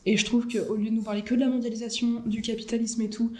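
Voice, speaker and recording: A young woman from France talks at a rapid clip on a video call, chatty and scattered with fillers. Her voice sits in the middle of the range and carries a roomy echo around it. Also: a little high, little pitch movement, darkish tone. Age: 20s. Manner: chatty, lots of fillers, laughs easily. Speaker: interview guest, student. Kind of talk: casual chat over a video call.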